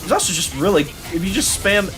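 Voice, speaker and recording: A young adult man streaming a video game, talking in an excitable, rambling way with many fillers and restarts as he plays. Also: sits high, brisk, over music. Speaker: gaming streamer. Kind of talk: live gameplay commentary.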